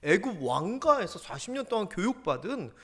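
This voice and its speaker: A man's voice: sits high, moderate pace. A man preaching a Sunday sermon in a church, telling stories and asking rhetorical questions. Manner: animated storytelling with rhetorical questions. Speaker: pastor. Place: church sanctuary.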